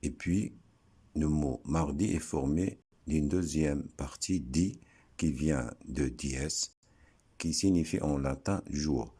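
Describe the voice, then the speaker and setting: A man giving a slow, deliberate lesson, breaking words into syllables and pausing often. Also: extremely low pitch, warm tone, husky. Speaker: teacher explaining word origins.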